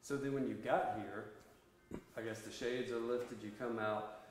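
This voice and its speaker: A man's voice: medium pitch, steady tone, unhurried. A man asking casual, tentative questions as an interviewer. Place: reverberant indoor room, away from mic. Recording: very echoey, noisy room, off-mic.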